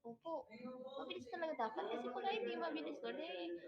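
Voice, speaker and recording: A woman's voice: very high-pitched, lively intonation, fairly quick. A Filipino woman hosting a casual livestream, mock-praying to the Lord about gifts from viewers in a polite, pleading way. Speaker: livestream host. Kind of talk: casual livestream chat, pretending to pray. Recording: dull lo-fi audio with loud crowd behind.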